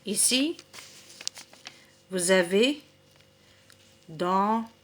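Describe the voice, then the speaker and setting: A woman teaching a recorded reading lesson for children, saying each word slowly, splitting it into syllables and repeating it patiently. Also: medium pitch, expressive, a little hiss or hum. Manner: slow and deliberate, splitting words into syllables.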